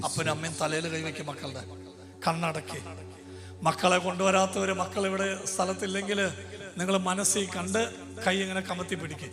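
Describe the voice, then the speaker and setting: A man leading a congregation in emotional prayer, fervently calling out repeated commands and questions. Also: high voice. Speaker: prayer leader. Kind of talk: emotional prayer-service preaching. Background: music.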